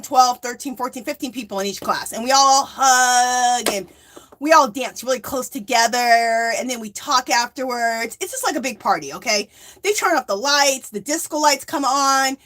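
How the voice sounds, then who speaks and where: On a livestream about yarn crafting, the host chats casually with her audience, reads their comments out loud, and laughs often. Emphatic, she drives points home with "okay?" and "Hello?". Her voice is on the high side and fairly bright.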